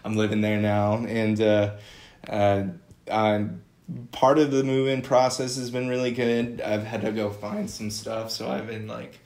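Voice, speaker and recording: A man's voice: lowish voice, monotone, a little slow, a little mellow, reverberant. A man co-hosting a podcast in casual chat, hesitant and full of restarts. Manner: hesitant, lots of ums and restarts. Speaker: podcast co-host.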